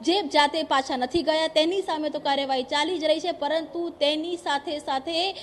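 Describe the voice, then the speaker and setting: A woman presenting a news broadcast in measured, formal phrasing. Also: high voice, fairly even intonation, a little hiss or hum. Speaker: news anchor. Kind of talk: studio news anchoring.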